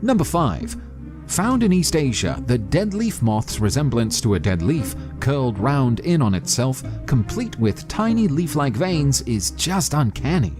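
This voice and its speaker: A man's voice: medium pitch, sing-song, measured pace. A man narrating a scripted nature documentary as a voice-over. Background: prominent background music.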